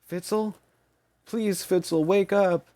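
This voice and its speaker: A man's voice: fairly high pitch, steady tone, a little slow, darkish tone, voice pushed up. A man reading an audiobook, voicing an anxious, tearful young woman who pleads urgently. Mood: frantic.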